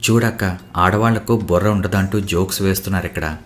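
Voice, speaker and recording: A man reading the part of a proud, eager young woman who talks in a lively, insistent way. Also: low voice, a little fast, natural voice.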